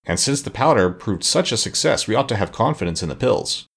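A man's voice: fairly low pitch, animated, brisk, gravelly, slightly rough, heavily acted. A man voicing a kindly, earnest tin man in a storybook reading.

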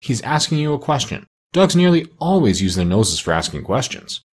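A man voicing a bossy, proud, clever female pet parrot in a high voice, from a storybook. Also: sing-song, moderate pace. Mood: instructive. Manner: insistent, instructive.

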